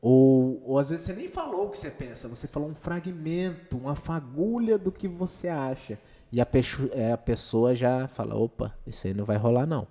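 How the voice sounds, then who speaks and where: Speaking in a reverberant room that sounds like a hall, a Brazilian-accented man talks podcast-style, opinionated and slangy, constantly tossing in rhetorical check-in questions. His voice is mid-range and mellow, with lively intonation and a moderate pace.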